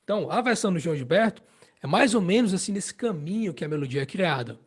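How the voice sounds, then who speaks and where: Lively intonation marks this man's high-pitched voice as he teaches harmonica in a relaxed, spoken lesson. Speaking with a Brazilian Portuguese accent, he goes slowly, repeats phrases, and keeps asking "né?" and "entende?" to check on the listener.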